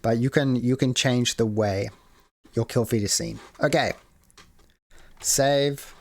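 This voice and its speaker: A game modding tutorial host talks slowly with vocal fry in a mid-range voice while screen-sharing how to build a game mode. He rambles casually, full of fillers and restarts, and hiccups as he goes.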